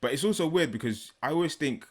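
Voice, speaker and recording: A man's voice: on the high side, expressive, fast talker. A man with a London accent, chatting casually as a podcast co-host. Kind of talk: casual chat.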